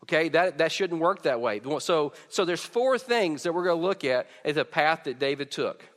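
A man's voice: fairly high pitch, expressive, normal speed. A man preaching conversationally at a pulpit microphone, informal, often stammering over the starts of his phrases. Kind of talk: conversational sermon to a congregation. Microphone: pulpit or stage microphone over PA. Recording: echoey hall with long reverb.

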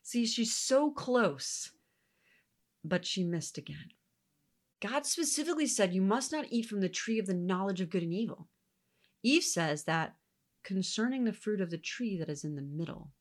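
Expressive woman giving Bible teaching. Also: fairly low pitch. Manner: earnest, reflective, with soft whispered asides.

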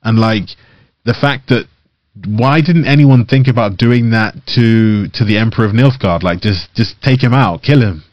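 A man's voice: lowish voice, moderate pace, no room sound. Rambling man with a dry, dull-sounding voice. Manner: rambling, heavy use of "like" fillers. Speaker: podcast co-host. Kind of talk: casual chat about games.

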